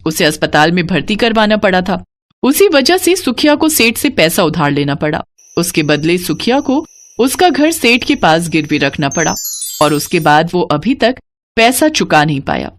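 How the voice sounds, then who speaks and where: A woman narrating a scripted children's moral story in an expressive storytelling manner. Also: lowish voice, normal speed.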